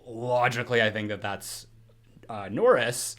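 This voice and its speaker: A man in casual podcast chat, his voice sitting at an ordinary middle pitch. He talks through a film in loose, rambling turns, full of fillers and restarts. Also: unhurried, a bit bright. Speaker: podcast co-host.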